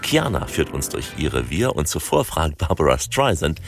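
A man's voice: rumbling low, sing-song, normal speed. A man hosting a radio travel program, narrating from a script with a playful, rhyming opening. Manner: playful rhyming intro, then storytelling. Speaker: radio travel show host. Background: music bed.

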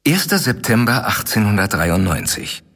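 A man's voice: lowish voice, very animated, moderate pace, fairly bright tone, breathy edge, exaggerated voice. An actor playing Doctor Seward, a devoted young physician, reading his letter and talking in a radio play. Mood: earnest. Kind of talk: radio play acting and narration.

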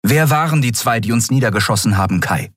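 A man's voice: medium pitch, animated, brisk, dry recording, studio quality, voice pushed up, lightly acted. A man voicing a stern young woman ship captain who questions a captive in terse, demanding lines. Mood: cold, demanding.

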